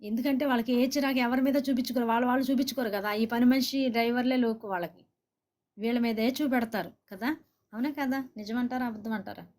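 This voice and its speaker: Woman preacher, somewhat high voice, earnest exhorting sermon delivery. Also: steady tone, quick pace, a little mellow. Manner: exhorting, asks listeners to say amen; speaks directly to viewers and comments.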